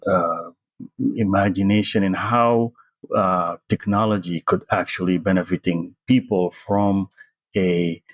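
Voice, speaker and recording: A middle-aged man, born in Sudan and raised in the US, answering interview questions slowly and hesitantly, with many pauses. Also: sits low, fairly even intonation, dry recording. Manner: hesitant, many fillers and restarts, slow pace. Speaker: interview guest, tech consultant.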